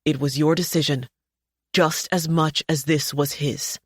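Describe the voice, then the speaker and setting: Woman narrator voicing young man, tender grieving brother in an audiobook, low and dry. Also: steady tone, measured pace, breathy edge, no room sound. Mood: gentle, sad. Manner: soft and low, tearful.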